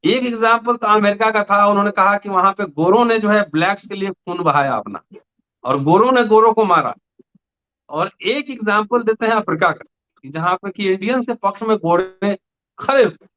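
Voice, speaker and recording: A man's voice: sits high, moderate pace. A man hosting a discussion, reflective and questioning, recalling what he read before posing a question. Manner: reflective, questioning, soft affirmations. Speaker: host. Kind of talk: discussion interview. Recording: dull lo-fi sound.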